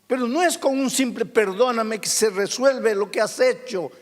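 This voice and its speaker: A male pastor preaching a dramatic sermon, swinging from loud outbursts to hushed, soft passages. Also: very high-pitched, moderate pace. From Peru. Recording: long hall reverb.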